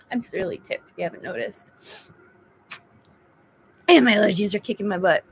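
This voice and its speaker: A woman's voice: mid-range voice, moderate pace, vocal fry, slightly rough. A woman in her thirties venting in a personal vlog, exhausted and exasperated, trailing off and restarting as she talks. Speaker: vlogger sharing a health update.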